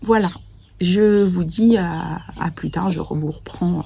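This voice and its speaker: A woman's voice: lowish voice, unhurried, gravelly, warm tone, husky. A woman chatting casually in a craft vlog, hesitant with many fillers and small laughs. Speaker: craft vlogger. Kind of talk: casual knitting vlog chat. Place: outdoors on a walk, sunny day.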